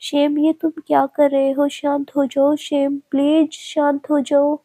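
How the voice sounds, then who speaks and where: A protective older sister, soft and soothing, as a woman narrator reads her. High and mellow, with little rise and fall. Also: little pitch movement, normal speed. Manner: soothing, pleading.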